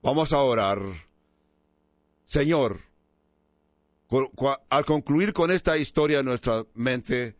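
A man preaching a sermon and telling a story, in an earnest, inviting manner with pauses. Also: medium pitch, no room sound. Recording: dull lo-fi dry recording.

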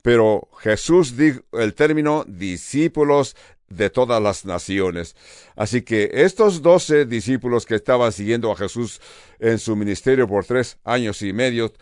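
An older man with a Californian accent preaching a sermon as a pastor, earnest and steady, with pauses and repeated phrases. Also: medium pitch, smooth, no room sound, clean studio sound. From United States.

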